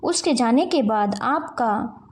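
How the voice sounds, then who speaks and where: For a storybook tale, a woman plays an angry young husband who scolds his lazy wife insistently. Her voice is a little high and animated, and she takes her time with the lines.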